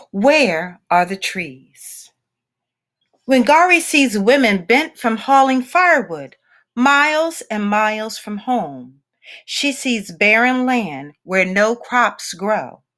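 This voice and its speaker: Reading a children's picture book aloud, a woman whose voice runs on the high side takes a deliberate, expressive storytelling approach. She builds suspense with dramatic pauses.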